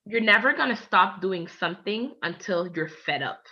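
A woman in her twenties from Canada, telling a candid personal story as a guest, chatty and animated, acting out the dialogue. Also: mid-range voice, moderate pace, highs cut off. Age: 20s.

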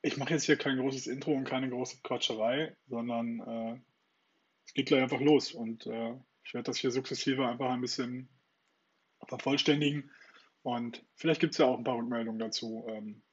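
A man's voice: medium pitch, husky, lo-fi sound. A man hosting his own podcast, chatting informally with many fillers before reading a novel aloud. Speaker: podcast host and reader.

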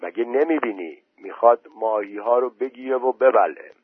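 A man's voice: mid-range voice, breathy edge, dry recording, lightly acted. A man doing a pious, matter-of-fact villager. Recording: tinny phone-like voice message.

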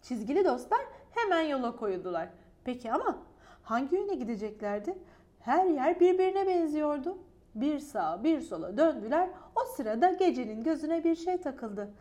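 Woman storyteller, high voice, gentle expressive read-aloud for kids. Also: moderate pace. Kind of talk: children's story reading.

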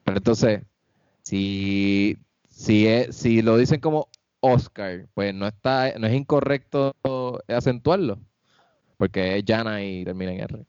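Smooth low man rambling. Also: measured pace, a little mellow, dry recording, muffled recording. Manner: rambling, stumbling explanations. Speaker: podcast co-host. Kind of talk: casual chat.

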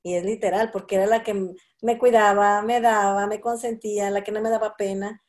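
A woman's voice: mid-range voice, little pitch movement, a little fast, a little mellow. Reflective woman laughing in chat. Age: middle-aged. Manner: reflective, laughs often, acts out quotes. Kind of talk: casual group conversation.

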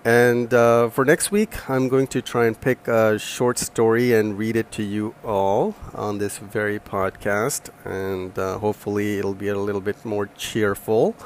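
A man hosting a podcast, reading a passage and then chatting, with a nasal voice from a lingering cold and halting delivery. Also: on the low side, a little hiss or hum. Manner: slow, halting, with restarts and fillers. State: has a cold. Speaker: podcast host. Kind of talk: reading a memoir excerpt, then casual podcast talk. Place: home room with a fan running.

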